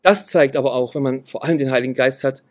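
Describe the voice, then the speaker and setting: A man's voice: medium pitch, fast. A man preaching a sermon, reading Bible verses aloud and repeating key phrases with earnest emphasis.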